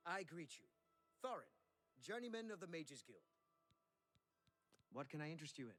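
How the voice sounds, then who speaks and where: A man's voice: fairly high pitch, big pitch swings, moderate pace, fairly bright tone, long reverb tail, faint music behind. An actor playing a courteous male mage journeyman in a fantasy game, greeting formally. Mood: polite.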